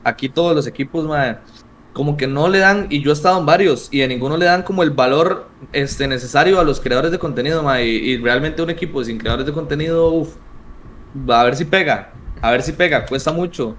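Costa Rican young man, slangy and animated. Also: a little high, fairly quick, slight background noise. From Costa Rica. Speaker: streamer. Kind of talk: casual interview chat.

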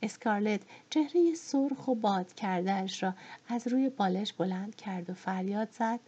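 A woman narrating an audiobook of a novel in a measured, expressive reading, in a dull lo-fi recording. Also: mid-range voice, breathy edge.

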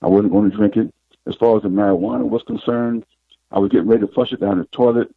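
A middle-aged man with a husky, fairly low voice recounts his life as a psychic guest, unhurried and reflective. The sound is thin and tinny, like a phone line, and quite dry. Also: steady tone, no echo. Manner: unhurried, reflective, retells scenes with quoted dialogue. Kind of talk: personal storytelling in an interview.

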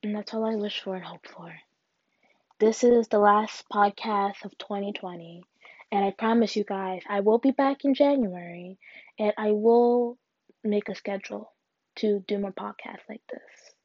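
A young woman hosting a solo podcast, talking in an earnest, halting way with restarts. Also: mid-range voice, a little mellow, dry recording. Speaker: podcast host. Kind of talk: solo personal podcast reflection. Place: alone at home. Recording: dull, dry lo-fi recording.

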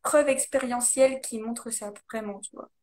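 A woman's voice: fairly high pitch, normal speed, darkish tone. A woman in casual conversation, explaining ideas animatedly with many fillers. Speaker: guest, coach. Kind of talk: casual conversation, live video.

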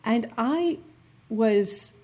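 A woman's voice: a little high, animated, extremely slow, darkish tone, husky. A woman in her fifties from New Jersey, guest in an interview, telling personal stories earnestly with many fillers and restarts. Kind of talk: reflective interview conversation.

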